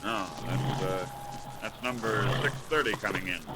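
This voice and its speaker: An actor playing a brusque, commanding airline boss in a 1930s radio drama. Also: male voice, lowish voice, normal speed, loud music behind the voice, lightly acted, rough recording. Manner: gruff, commanding, impatient. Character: brusque middle-aged male airline boss. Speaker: airline company head.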